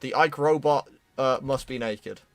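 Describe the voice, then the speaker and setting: A British man streaming his 3D modelling work, chatting casually with a friend in a relaxed, self-deprecating way and cracking dry jokes. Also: mid-range voice, measured pace, smooth, dry recording, soft background music. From United Kingdom. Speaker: streamer, 3D artist. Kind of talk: casual chat while working.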